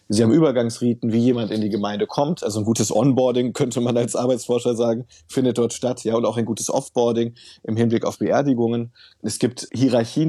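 A man's voice: medium pitch, dark tone, slightly rough, dry recording, clean studio sound. A man, a work researcher and author, answering interview questions in a thoughtful, explanatory way with occasional fillers.

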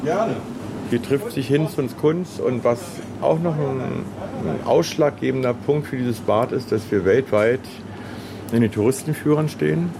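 A man's voice: medium pitch, unhurried. A man talking in a chatty, colloquial and effusive way, like a kiosk vendor being interviewed. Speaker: swimming pool kiosk vendor. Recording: clearly noisy outdoor location.

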